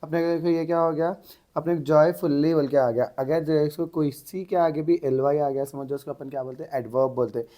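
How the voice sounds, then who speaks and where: A man's voice: fairly high pitch, steady tone, brisk, mellow. A man teaching an exam-prep English grammar lesson, asking the class questions and answering them himself.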